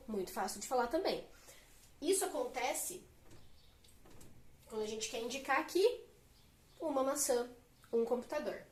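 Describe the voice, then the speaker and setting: A woman with a high voice teaches English grammar at a whiteboard, explaining step by step and repeatedly posing rhetorical questions to her students. The room sounds roomy and echoey.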